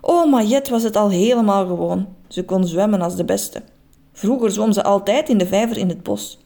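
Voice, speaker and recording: A Flemish woman reading a children's story aloud, expressive and lively. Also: mid-range voice, gravelly.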